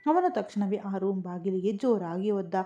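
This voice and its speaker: A woman reads a romantic audio story aloud in a calm, steady storyteller's manner. Her voice is mellow and warm rather than bright. The recording sounds dull and lo-fi. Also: mid-range voice, normal speed. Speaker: story narrator. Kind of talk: scripted audio story narration.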